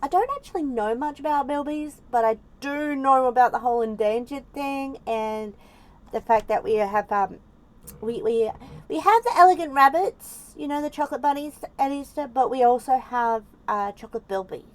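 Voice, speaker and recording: A woman's voice: fairly high pitch, normal speed, darkish tone. An Australian woman chatting casually as she reacts on a livestream, with a cute, chatty anime-streamer manner. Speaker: VTuber streamer reacting to videos. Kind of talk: casual live reaction chat.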